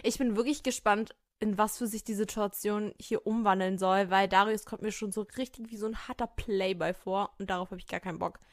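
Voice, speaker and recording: A woman's voice: mid-range voice, fairly even intonation, a little fast, few pauses, dry recording, studio quality. A woman casually commenting while playing a story game, chatting to her viewers. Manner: chatty, addresses viewers as "Leute", laughs often. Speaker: game player and podcaster.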